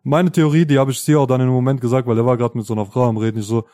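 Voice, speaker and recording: A man's voice: medium pitch, steady tone, rapid-fire, mellow, no echo, studio quality. A man co-hosting a casual podcast, telling anecdotes in a chatty way and often asking "weißt du?". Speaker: podcast co-host.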